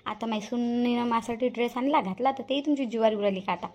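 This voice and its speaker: A touchy, scolding elderly village woman from a cartoon comedy, voiced by a woman. She talks high and fast. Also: fairly even intonation, a little mellow, natural voice. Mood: indignant. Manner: indignant, scolding. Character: touchy elderly village woman Shantabai, proud of her dress. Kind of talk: cartoon voice acting.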